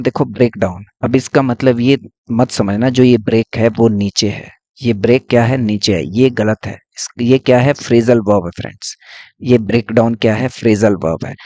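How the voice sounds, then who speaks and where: A man teaching English vocabulary in a casual lesson, explaining slowly and asking then answering his own questions. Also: medium pitch, darkish tone, no room sound.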